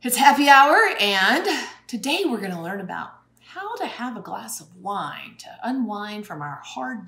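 A woman's voice: medium pitch, fairly bright tone. A woman giving a casual, joking demonstration lesson from her home. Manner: playful, joking, chatty. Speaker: hospitality instructor. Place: at home near her refrigerator. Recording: echoey room.

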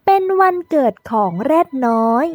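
A woman narrates a scripted children's storybook for young learners, drawing out her words deliberately like a teaching tale. Her tone is darkish and there's no room sound.

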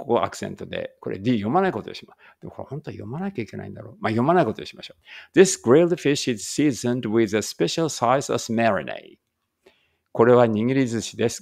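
A man teaching an English read-aloud lesson, reading Japanese lines and then slow, careful English, sometimes stopping to check pronunciation. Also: medium pitch, gravelly, darkish tone, no room sound, studio quality.

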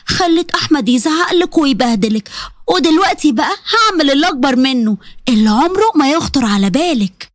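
A woman voicing a scheming, spiteful Egyptian mother-in-law in a storybook drama, taunting with drawn-out words. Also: high voice, animated, dry recording, clean studio sound. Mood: gloating. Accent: Egyptian Arabic.

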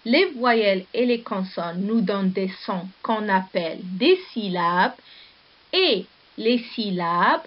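A woman teacher giving a slow, deliberate lesson, spelling out letters and syllables one at a time. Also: mid-range voice, animated. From Morocco. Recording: dull lo-fi video recording.

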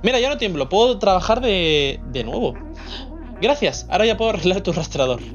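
A man voicing a nervous, shivering male robot repairman in a game, reading the lines quickly. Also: high-pitched, big pitch swings, faint music behind, pitched above the performer's own voice. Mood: relieved. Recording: slightly dull lo-fi sound.

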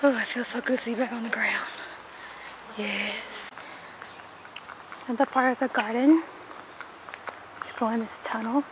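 A young woman talks to her camera as she walks, casual and chatty, filling her sentences with "like" and "um". Her voice sits a little high. The camera audio carries clear outdoor noise. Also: a little slow, pauses often. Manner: chatty, lots of "like" and "um". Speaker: travel vlogger. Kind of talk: casual travel vlog. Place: outdoors in gardens and in a car.

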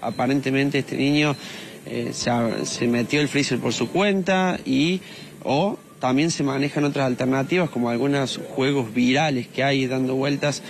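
A man's voice: medium pitch, fairly even intonation, normal speed, creaky. A man in his thirties with an Argentine accent reporting live and interviewing on a residential street with a handheld microphone. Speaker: field reporter. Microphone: handheld news microphone. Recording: noisy outdoor live broadcast.

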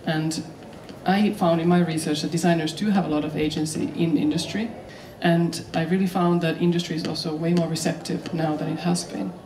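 Flat-voiced woman on a panel. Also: low-pitched, a little fast, hardly any pauses. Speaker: design researcher and teacher. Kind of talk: panel talk on stage. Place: large hall on stage. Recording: roomy hall, mic at a distance, noisy.

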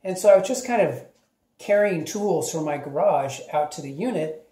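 A man's voice: a little high, lively intonation, moderate pace, warm tone, roomy sound. A man casually reviewing a tool bag for his channel, chatty and rambling with lots of fillers, recorded at a table indoors. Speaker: YouTube DIY reviewer.

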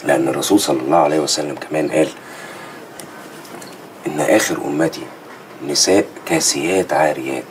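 A man's voice: a bass voice, steady tone, quick pace, long pauses, slight background noise. An actor with an Egyptian accent playing a pious man who lectures his sister on religious rules. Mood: preachy. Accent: Egyptian Arabic. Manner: preachy, lecturing. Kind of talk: Egyptian TV drama acting.

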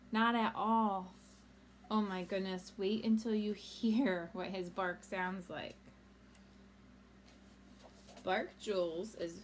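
A woman reading a picture book aloud to children, animated and asking them questions. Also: medium pitch, a little hiss or hum. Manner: animated, asks young listeners questions. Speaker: storytime reader.

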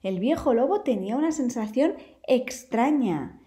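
A woman with a Spain Spanish accent, reading a children's storybook aloud in an expressive, lively way. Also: fairly high pitch, unhurried.

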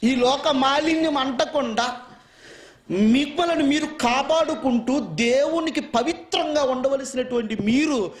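A very high-pitched male preacher from India delivers a sermon, pressing his listeners with one rhetorical question after another. His animated voice rings through an echoey room. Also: measured pace.

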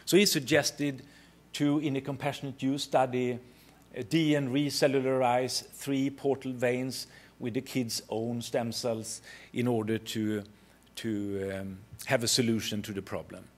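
Male executive, middle-aged, Swedish accent, medium-pitched voice, hesitant conference presenter at a podium. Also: little pitch movement. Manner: halting, hesitant delivery with frequent pauses. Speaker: company chief executive presenting. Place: conference hall stage at a podium.

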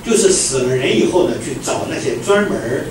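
A male pastor delivers an animated sermon, his pitch swinging widely and somewhat high. He moves from loud exclamations down to hushed, quiet lines. The recording is from a distant mic in a very echoey church hall, with clear background noise. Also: brisk.

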